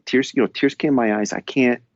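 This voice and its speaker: A man's voice: mid-range voice, steady tone, fairly quick, no room sound, highs cut off. A man with a New York accent, co-hosting a podcast in a casual, rambling chat with many restarts and stammers. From New York State. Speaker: podcast co-host. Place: London.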